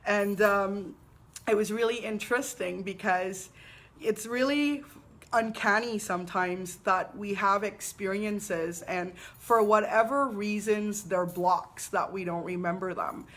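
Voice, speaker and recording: A woman, a spiritual teacher hosting a live weekly talk, telling stories in an unhurried, reverent way. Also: medium pitch, fairly bright tone. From Trinidad and Tobago. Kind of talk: live-streamed personal talk.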